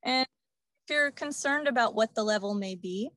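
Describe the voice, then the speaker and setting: A woman's voice: a little high, normal speed, a bit bright, dry recording. A woman audiologist answering a webinar question on a video call with plain, practical advice.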